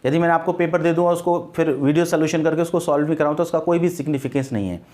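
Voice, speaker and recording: Male online grammar teacher, high-pitched, patient and reassuring, spells words aloud. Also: rapid-fire, a little mellow. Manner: mixes English terms into his talk.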